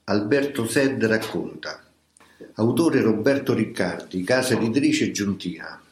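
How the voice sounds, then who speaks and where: Low-voiced man reading a memoir gravely. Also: lively intonation. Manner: slow, grave, measured reading. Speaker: reader of a memoir. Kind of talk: scripted audiobook narration. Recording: roomy echo.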